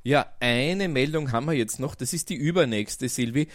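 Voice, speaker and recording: A man's voice: mid-range voice, normal speed. A man with an Austrian accent presenting an amateur radio club bulletin, reading out announcements.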